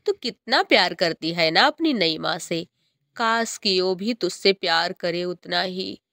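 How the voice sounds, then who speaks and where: A woman voicing a kind father bird in a cartoon story, speaking gently and reassuringly. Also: on the low side, expressive, measured pace, dry recording, studio quality, full character voice. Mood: tender. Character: kind, loving adult male father bird.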